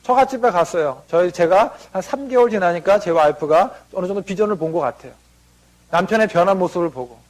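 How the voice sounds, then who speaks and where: A man's voice: high-pitched, fairly quick, darkish tone. A man giving a motivational seminar talk before an audience, telling family stories and acting out what relatives said. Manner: anecdotal, acts out family members' lines in quotes.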